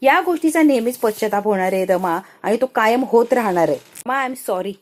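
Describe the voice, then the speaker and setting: Woman voicing a remorseful middle-aged relative, earnest and insistent, slightly high. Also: lively intonation, brisk, lightly acted.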